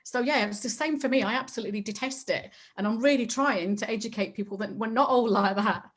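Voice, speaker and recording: A woman from the Highlands, talking casually and emphatically as she answers questions about her business. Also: brisk. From Highlands of Scotland. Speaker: franchise business owner.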